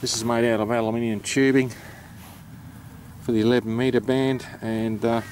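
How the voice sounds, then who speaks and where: A man's voice: medium pitch, flat delivery, normal speed, darkish tone, a little hiss or hum. A man with an Australian accent giving an informal, matter-of-fact explanation, hesitant and unscripted as he goes. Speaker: amateur radio operator presenting.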